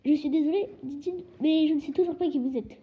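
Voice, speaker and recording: A woman voicing a timid, confused young boy who speaks softly and hesitantly, in a storybook reading. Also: high-pitched, a little fast. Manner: soft, hesitant, half-whispered. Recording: dull lo-fi recording.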